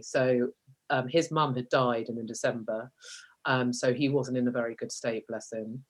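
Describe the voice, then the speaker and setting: Chatty self-mocking woman. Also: extremely low pitch. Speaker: guest. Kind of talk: candid personal storytelling.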